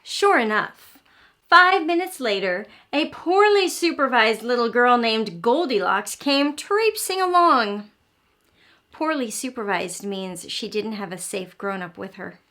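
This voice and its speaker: A woman who hosts a children's early learning show runs an interactive read-aloud, narrating expressively and explaining as she goes for young listeners. Her fairly high voice is bright and forceful, with lively intonation and a measured pace.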